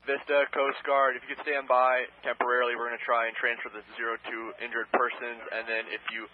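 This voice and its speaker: A man's voice: mid-range voice, monotone, a little fast, no echo. A Coast Guard radio operator, a man, giving clipped, formal calls over a marine radio transmission. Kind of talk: terse marine radio procedure. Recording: tinny marine radio with faint static.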